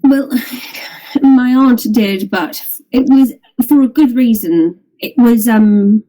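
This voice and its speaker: A young woman speaks slowly and haltingly in character at a tabletop game, pausing often and filling gaps with ums. Her voice is fairly high but dark and mellow in tone. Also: rough recording. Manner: hesitant, halting, full of pauses and ums. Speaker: player.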